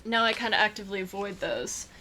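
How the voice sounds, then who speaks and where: A young woman co-hosting a casual crafting vlog, teasing her friend with quick, wry one-liners. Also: mid-range voice, expressive, bright, forceful tone, slight background noise. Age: young adult. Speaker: vlog co-host. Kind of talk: casual chat while crafting. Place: indoors at a craft table.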